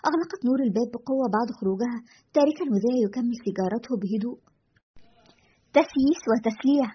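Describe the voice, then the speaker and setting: Fast-talking husky woman storyteller. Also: on the high side, animated. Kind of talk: scripted story narration. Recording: dull lo-fi recording.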